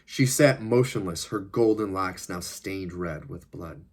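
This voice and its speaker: A man's voice: sits low, measured pace. A man reading his own novel aloud, narrating plainly with the odd casual aside. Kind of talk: audiobook-style reading.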